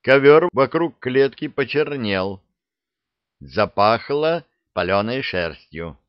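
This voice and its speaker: A man narrating a comic fairy-tale audiobook in a lively, expressive storytelling manner. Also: mid-range voice, slow, dry recording, highs cut off.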